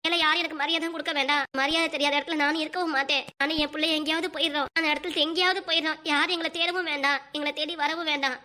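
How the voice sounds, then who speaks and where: A woman playing an aggrieved young cartoon mother who complains that no one understands her. She speaks in a high, bright voice at a fast pace. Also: steady tone. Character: hurt young mother leaving home with her son. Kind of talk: cartoon voice acting.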